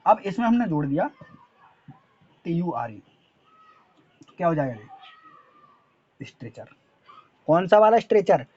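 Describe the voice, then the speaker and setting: A man's voice: sits high, very animated, measured pace, pauses often, highs cut off. A male teacher with a Hindi accent giving an English lesson, spelling words letter by letter and asking and answering his own quiz questions. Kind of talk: spoken-English lesson at a board.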